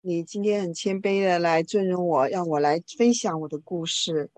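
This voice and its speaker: Her voice is fairly low and a little mellow as she interprets a talk into another language in real time. She moves quickly and casually, often going back to fix what she said.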